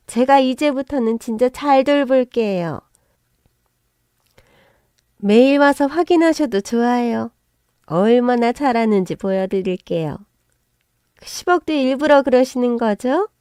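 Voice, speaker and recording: A woman's voice: a little mellow, dry recording, clean studio sound. A woman voicing a brash, scheming middle-aged mother-in-law who turns from indignant to fawning. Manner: shrill and indignant, then fawning.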